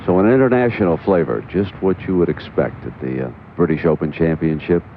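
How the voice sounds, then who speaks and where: A deep-voiced man works as a golf commentator, announcing live tournament play. The sound is a narrow, phone-like broadcast feed with clear outdoor noise behind him. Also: lively intonation, fairly quick. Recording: noisy lo-fi TV broadcast, outdoor ambience.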